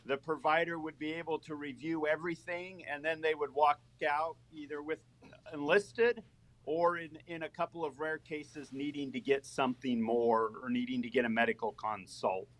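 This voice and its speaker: Man, phone-line voice, fairly high pitch, loud into the phone, explanatory. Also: steady tone, normal speed. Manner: explanatory, gives a brief history lesson. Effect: speaking over a phone line. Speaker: military medical processing official. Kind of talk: live panel discussion.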